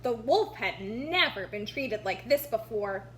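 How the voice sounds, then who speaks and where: A woman reads a children's storybook aloud expressively for young listeners, adding commentary on the pictures. Her slightly high voice has lively intonation and a somewhat slow pace, with a noticeable background hum in the recording.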